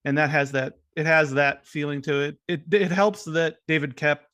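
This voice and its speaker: A man's voice: a little high, normal speed, a bit bright. A man co-hosting a film podcast, chatting casually about movies with frequent restarts. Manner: conversational, frequent restarts and hedges. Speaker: film critic podcast host.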